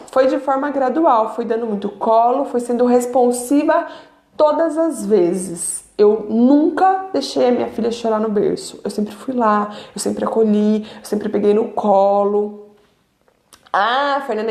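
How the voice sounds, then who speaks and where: High-voiced woman teaching parents. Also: mellow, roomy sound. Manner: conversational, asks the audience rhetorical questions. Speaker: sleep consultant. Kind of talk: informal teaching talk to parents.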